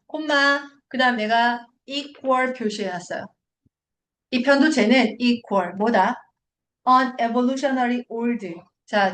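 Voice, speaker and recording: A young woman with a fairly high voice teaches a class in an animated way, firing quick questions at her students. The room echoes around her. A faint hum of background noise sits under the lecture. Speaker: English teacher. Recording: roomy echoing classroom.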